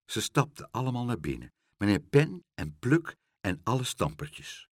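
A man reading a children's story aloud with expressive delivery. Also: medium pitch, no echo, studio quality. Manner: expressive, unhurried.

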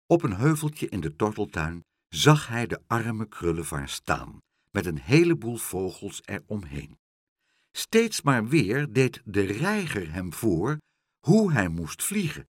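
Slow expressive male storyteller. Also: lowish voice, husky, no room sound, studio quality. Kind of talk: reading a children's story aloud.

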